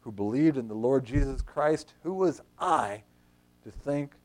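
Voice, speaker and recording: A male pastor preaching a sermon, animated and conversational, acting out the scripture figures and dropping to a whisper for emphasis. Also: unhurried. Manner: animated, acts out the Bible figures with shifts in pitch and volume.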